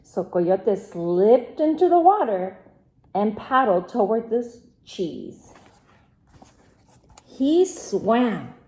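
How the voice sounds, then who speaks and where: Slow-reading woman teacher. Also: mid-range voice, big pitch swings, mellow. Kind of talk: read-aloud storytelling.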